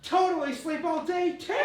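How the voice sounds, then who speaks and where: An actor playing a goofy, laid-back surfer prince who drawls and shouts his lines, in a live stage sketch comedy. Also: extremely high pitch, heavy background noise, full character voice. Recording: distant stage mic, very echoey hall.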